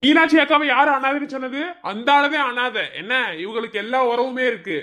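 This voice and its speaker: A woman's voice: sits high, a little fast, sharp tone. A voice actor playing a caring young village man in a cartoon, with a Madurai accent, insistent and pleading. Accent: Madurai Tamil.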